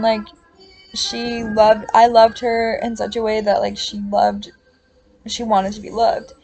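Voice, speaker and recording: A woman's voice: a little high, gravelly, mellow. A woman in her twenties talking in a casual confessional monologue, rambling and filling her speech with "like" and the odd swear word.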